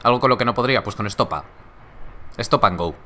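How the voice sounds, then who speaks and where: Young man, low but bright voice, laid-back joking streamer, faint hiss. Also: animated, fairly quick. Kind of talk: casual live-stream chat reading viewer comments.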